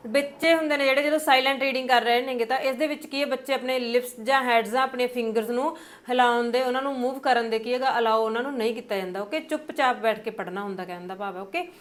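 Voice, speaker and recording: In this exam-prep lesson, a young woman speaking with a Punjabi accent and a somewhat high voice takes her time. She explains patiently, fills gaps with frequent fillers, and reads out the English points slowly.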